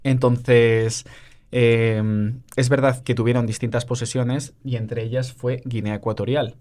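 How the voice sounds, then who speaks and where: A man's voice: mid-range voice, flat delivery, a little slow, a little mellow. A man co-hosting a podcast, explaining history in casual chat with frequent fillers. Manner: explains with many fillers and asides. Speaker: podcast co-host.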